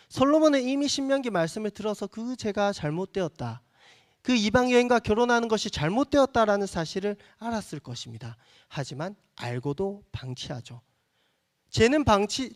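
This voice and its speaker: A male pastor preaching a sermon to young adults, earnest, acting out little asides as he explains the passage. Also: high voice.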